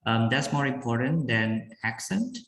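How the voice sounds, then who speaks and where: In a live online class Q&A, an Indonesian man answers questions as a guest speaker, his voice echoing around the room. It is medium-pitched, a bit bright, and very animated. He often hesitates, using fillers and restarting sentences.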